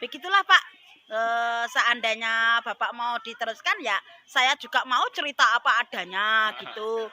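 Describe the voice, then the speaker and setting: A woman's voice: a little high, lively intonation, moderate pace, pushed and bright. An older woman, a vegetable seller telling her life story in an interview, earnest and polite, tagging "sir" onto her phrases. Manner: earnest, addresses interviewer as Pak after each phrase. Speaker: vegetable seller and former sinden. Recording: faint background noise.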